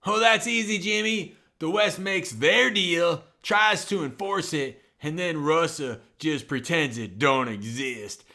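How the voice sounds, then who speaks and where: A man doing a folksy know-it-all sidekick, trading jokes with the host. He drawls slowly in loose, ungrammatical phrasing, with a bright, slightly high voice. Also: heavily acted. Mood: smug. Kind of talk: comedic banter.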